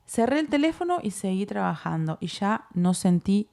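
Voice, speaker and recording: A Uruguayan woman co-hosts a casual chat and tells her testimony with lively energy, voicing her own thoughts as she goes. Her voice has a gravelly fry running through it at a middling pitch. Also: normal speed. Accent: Uruguayan Spanish. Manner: animated, acts out her own inner dialogue. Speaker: co-host.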